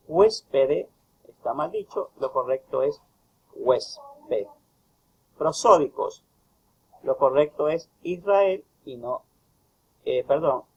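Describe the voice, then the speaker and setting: A male university tutor giving a recorded grammar lecture, stressing each example phrase slowly. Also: a little high, creaky, breathy edge, highs cut off. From Ecuador. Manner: slow, emphatic reading of example phrases.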